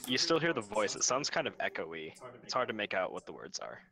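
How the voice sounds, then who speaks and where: A young man narrating a tabletop game as game master, relaxed and full of fillers and pauses. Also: on the low side, vocal fry. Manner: relaxed, hesitant with many fillers.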